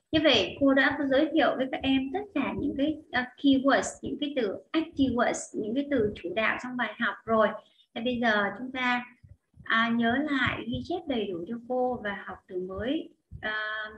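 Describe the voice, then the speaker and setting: Vietnamese woman teacher in an echoey room. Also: on the high side. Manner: explains words slowly, models pronunciation with repetitions. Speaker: high school English teacher. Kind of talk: vocabulary lesson and reading aloud. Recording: echoey room, dull lo-fi audio with faint noise.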